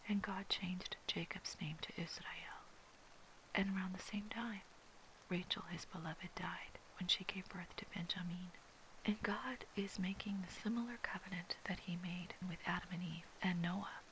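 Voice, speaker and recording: A person from Hawaii giving a slow, reverent, fully whispered commentary on Bible passages. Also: medium pitch, fairly bright tone, slight background noise, rough recording. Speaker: devotional Bible reader.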